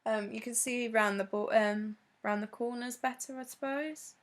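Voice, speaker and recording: A woman chatting casually on her vlog, answering questions with lots of ums and pauses. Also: on the high side, steady tone. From Britain. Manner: hesitant, many ums, laughs between answers. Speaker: vlogger.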